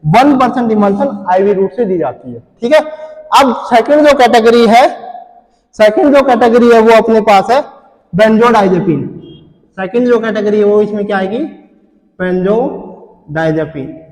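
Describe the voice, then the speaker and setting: A man's voice: high voice, normal speed, a little mellow, big-room sound, low-quality recording. A man teaching pharmacy in a lecture, repeatedly asking questions and answering them himself while drawing on a board. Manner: repetitive quizzing, asks then answers himself. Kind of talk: classroom lecture.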